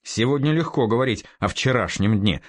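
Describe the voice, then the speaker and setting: A man's voice: mid-range voice, expressive, brisk, natural voice. Man voicing a doubtful young prince. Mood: doubtful, protesting. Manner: skeptical, protesting.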